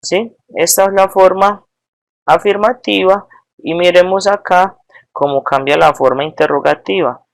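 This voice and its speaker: A teacher giving a recorded lesson, patiently explaining each form step by step and often checking with the class. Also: medium pitch. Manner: patient, checks understanding with frequent tag questions; spells out each form slowly and repeats it.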